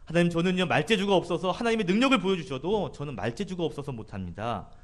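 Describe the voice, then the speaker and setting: A man's voice: fairly high pitch, expressive, quick pace, pitched above the performer's own voice, lightly acted. A man voicing a doubting, self-pitying man who hesitantly pleads his excuses. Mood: pleading.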